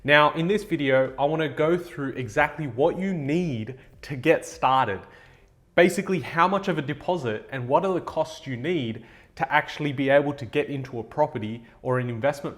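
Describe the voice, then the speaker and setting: A man, hosting a casual finance explainer and talking straight to viewers in an upbeat, salesy way. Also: medium pitch. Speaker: buyer's agent and channel host. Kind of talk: direct-to-camera finance explainer.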